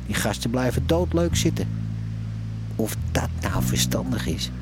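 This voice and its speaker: An actor playing a wry, musing narrator in a radio drama. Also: male voice, medium pitch, expressive, measured pace, whispered. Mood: wry, surprised. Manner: colloquial, musing. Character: wry narrator, a man looking back on the squat war. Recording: loud music bed under voice.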